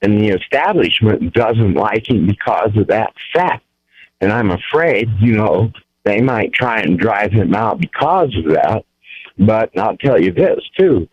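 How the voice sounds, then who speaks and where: Slow, firm man calling on a dull line. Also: fairly low pitch, lively intonation, no echo. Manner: deliberate, firm, opinionated. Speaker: caller. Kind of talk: phoning in to a radio show.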